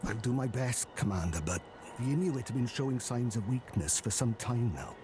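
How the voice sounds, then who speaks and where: A man's voice: mid-range voice, animated, moderate pace, noisy background, lightly acted. A man voicing a worried, prickly male officer in a game, hesitant in his speech. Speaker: expedition officer acting as medic. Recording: game audio with clear music behind.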